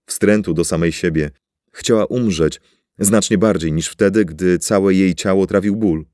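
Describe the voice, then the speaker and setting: A man reading a story aloud in a deep, dark voice. His narration is steady and dramatic, and the recording is dry and close. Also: measured pace, dry recording. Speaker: audiobook narrator. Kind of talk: scripted narration.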